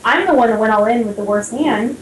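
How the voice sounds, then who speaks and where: A woman's voice: fairly high pitch, a little fast. An American woman co-hosting a poker talk show, chatting animatedly and laughing often. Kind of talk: casual chat. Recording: echoey room, faint ambient noise.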